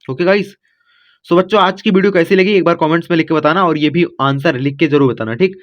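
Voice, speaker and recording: High-pitched man teaching, reassuring. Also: fast talker, muffled recording. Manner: reassuring, repetitive, keeps saying "okay" to check. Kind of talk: casual spoken lesson.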